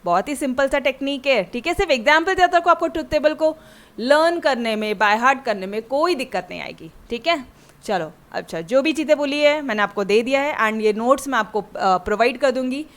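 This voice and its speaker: A woman's voice: high voice, lively intonation, a little fast, fairly bright tone. A woman maths teacher giving a chatty classroom lecture that mixes Hindi and English and keeps checking in with her students.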